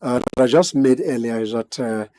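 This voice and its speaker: This man, a guest analyst, gives careful expert commentary from a TV studio. His medium-pitched voice is mellow and dark, and his formal wording is punctuated by frequent hesitations.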